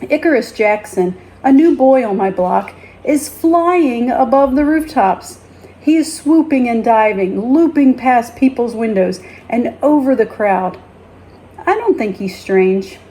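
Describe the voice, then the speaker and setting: In a slightly high voice, a woman plays a teacher reading a children's story aloud, taking it slowly and expressively the way a storyteller would.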